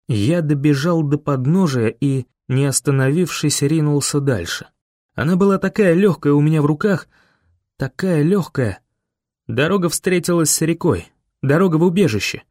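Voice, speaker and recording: Мужчина драматично читает аудиокнигу от первого лица и с напряжением озвучивает отчаянные крики и мольбы героев. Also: male voice, on the high side, dry recording, clean studio sound. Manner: intense, voices the characters' desperate shouts and pleas. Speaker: audiobook narrator. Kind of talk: dramatic first-person audiobook reading.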